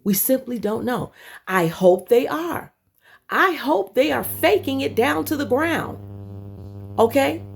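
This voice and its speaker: A woman vlogger delivers a heated, profane rant at her audience. Her voice sits high and swoops up and down, with a gravelly fry at the ends of phrases. She is blunt and scolding, and she often trips over repeated words. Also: animated, takes it slowly. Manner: repeats and restarts words when worked up. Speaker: commentary vlogger.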